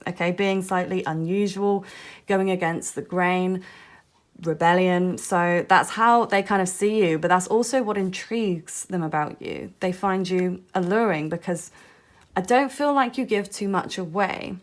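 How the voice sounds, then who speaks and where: A woman giving a pick-a-card tarot reading straight to the viewer. She talks in a musing, gently reassuring way and often softens her points with "I feel". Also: mid-range voice.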